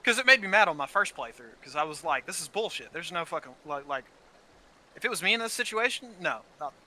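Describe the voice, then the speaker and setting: Sing-song and brisk, his fairly high, sharp-toned voice carries a heated gaming conversation about the story. The gaming channel co-host is opinionated, swears frequently and keeps repeating words to get his point out.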